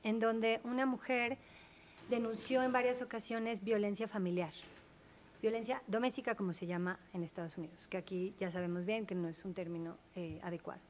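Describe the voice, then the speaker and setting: A woman's voice: mid-range voice, steady tone, brisk, slight background noise. A woman speaking on a panel, explaining her points earnestly and with emphasis. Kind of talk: academic panel discussion.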